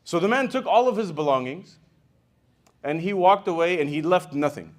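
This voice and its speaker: A man giving a sermon as an imam, retelling a hadith in an animated, conversational way with frequent "you know" and "right?". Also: a little high, normal speed. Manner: animated storyteller, swings in loudness.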